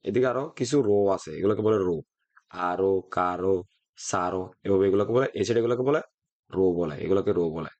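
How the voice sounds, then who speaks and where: A man teaching a language lesson, calmly drilling each syllable one at a time. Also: low-pitched, fast talker, lo-fi sound. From Bangladesh.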